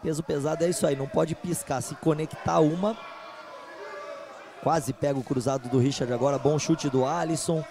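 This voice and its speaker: A man's voice: on the high side, steady tone, moderate pace, creaky. A man with a Brazilian accent doing informal, slangy live commentary on an MMA fight.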